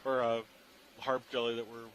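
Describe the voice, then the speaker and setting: A man giving live, unscripted commentary as a scientist on a deep-sea dive, marveling and musing as he goes. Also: level tone, normal speed, a bit bright. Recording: clearly noisy live control-room audio feed.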